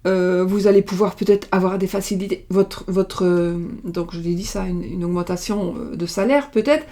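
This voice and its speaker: A middle-aged woman from France lays out cards and talks through a casual reading. Her voice is mellow and soft, never sharp. She rambles, circles back and trips over her words with plenty of fillers. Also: on the low side, normal speed. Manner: rambling, many fillers and restarts. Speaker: tarot card reader. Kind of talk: casual card-reading livestream. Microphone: webcam or desk mic, video call style.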